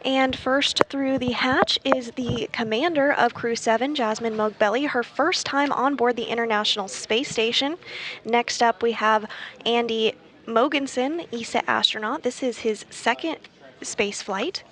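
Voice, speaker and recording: A woman's voice: on the high side, unhurried, a bit bright. A woman commentating live on an event as a broadcast presenter.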